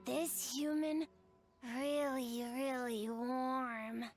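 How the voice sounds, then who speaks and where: An actor voicing a small, childlike tanuki spirit in a video game, excitable and simple-minded, speaking in short broken exclamations. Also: high voice, drawn-out words, exaggerated voice. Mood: smug musing. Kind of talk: cartoonish video game character acting. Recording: music playing behind.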